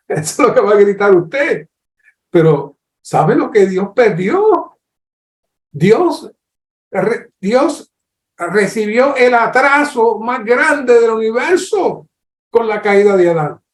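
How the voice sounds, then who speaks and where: In an echoey room, a man whose voice sits high preaches with a Colombian Spanish accent. He teaches in a slow, earnest manner and brings questions to life by acting them out.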